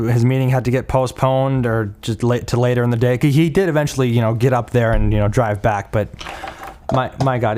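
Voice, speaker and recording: A young man from Minnesota talks through a casual solo podcast episode. He rambles, circling back with plenty of ums, uhs and false starts. His pitch sits in an ordinary middle range. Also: a little mellow. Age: young adult. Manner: rambling, many fillers and restarts. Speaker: podcast host.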